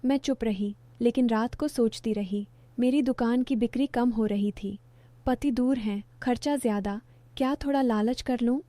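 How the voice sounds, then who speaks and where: Female storyteller, higher pitch, warm mellow timbre, steady scripted narration. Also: normal speed, dry recording.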